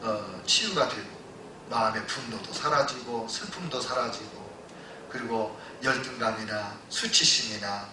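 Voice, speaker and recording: A male pastor preaching a sermon, telling stories that move between loud exclamations and hushed retelling. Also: on the low side, a little slow, background noise. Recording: echoey church hall, voice from a distance.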